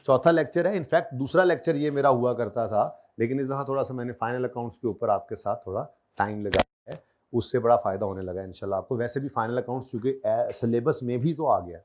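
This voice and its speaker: Talking fast in a medium-pitched, darkish voice, a man with a Pakistani Urdu accent gives an accounting lecture in a classroom with a board. His style is conversational, with frequent quizzing and light teasing of his students.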